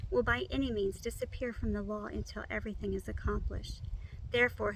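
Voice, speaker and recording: A woman reciting memorized scripture by rote, in measured, complete phrases. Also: mid-range voice, creaky, fairly bright tone, a little hiss or hum, poor audio.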